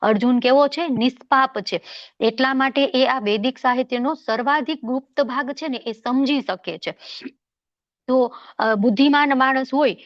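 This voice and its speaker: A woman's voice: sits high, normal speed, no echo, muffled recording. A woman teaching a devotional scripture class in a conversational way, often asking rhetorical questions and checking that listeners follow. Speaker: Bhagavad Gita class teacher.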